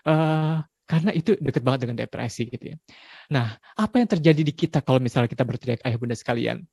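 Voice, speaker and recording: A man in his forties giving a parenting talk in a relaxed, conversational way, dropping frequent tag questions. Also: medium pitch, fast talker, gravelly, husky, no room sound, studio quality. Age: 40s. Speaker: parenting speaker.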